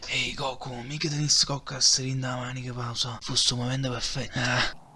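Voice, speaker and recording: A man's voice: mid-range voice, level tone, a little fast, sharp tone, a little hiss or hum. A man voicing a worried but determined martial-arts fighter with a Neapolitan accent, colloquial and dramatic, in an amateur cartoon parody dub. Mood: conspiring. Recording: music behind the voice.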